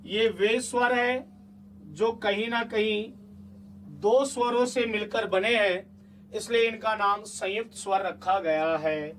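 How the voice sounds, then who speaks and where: A man's voice: sits high, takes it slowly, a bit bright, recorded from a distance, a little hiss or hum. A man teaching a grammar lesson for exam students, chatty and coaxing, often stopping to check that the class follows.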